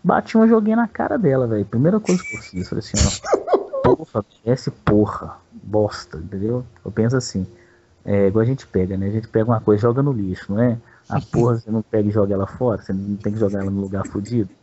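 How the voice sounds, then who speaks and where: A man's voice: lowish voice, very animated, fast talker, mellow, muffled recording, slight background noise. A Brazilian man telling a personal story in a rambling, crude way, with a lot of slang. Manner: rambling and crude, peppers speech with "velho". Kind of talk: casual storytelling.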